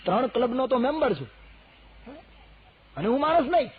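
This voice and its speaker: A man's voice: extremely high pitch, big pitch swings, moderate pace, slightly rough, pitched above the performer's own voice, exaggerated voice. A man voicing an indignant, proud wealthy merchant who protests in a raised voice. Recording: tinny lo-fi old recording with faint hiss.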